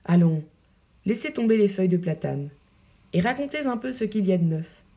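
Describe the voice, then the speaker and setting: Woman doing sweet noble lady who scolds lightly, audiobook play, mellow voice. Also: mid-range voice, lively intonation, normal speed, close to an everyday voice. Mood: fond. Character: noblewoman, affectionate, chiding, devoted widow. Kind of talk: audiobook reading of verse drama.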